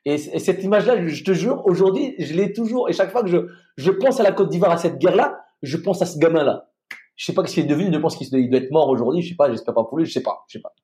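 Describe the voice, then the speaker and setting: A man, a former soldier, recounting his experience in a casual conversation, halting with restarts and fillers. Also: fairly high pitch, expressive, warm tone. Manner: halting, many restarts and fillers, vivid retelling.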